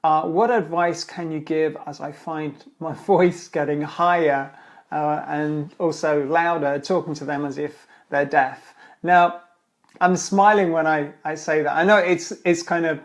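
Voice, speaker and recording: A man's voice: fairly high pitch, steady tone, a little slow. A man with a slightly raised voice hosts a casual live-streamed Q&A as a speaking trainer. He rambles in a friendly way, full of fillers and false starts, with light laughs now and then. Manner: chatty, rambling, with many fillers and restarts.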